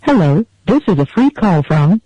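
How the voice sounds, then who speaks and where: An automated woman's voice giving flat, recorded prompts over a prison phone line. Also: on the low side, moderate pace, loud music behind the voice. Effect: recorded announcement heard over a prison phone line. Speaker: automated jail phone system announcer. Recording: dull lo-fi phone line with faint hiss.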